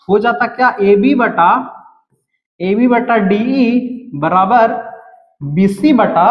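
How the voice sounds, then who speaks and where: A man teaching a school maths lesson, walking through a proof step by step, repeating terms and answering his own questions. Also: high-pitched. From Bihar, India. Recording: roomy echo, dull lo-fi sound.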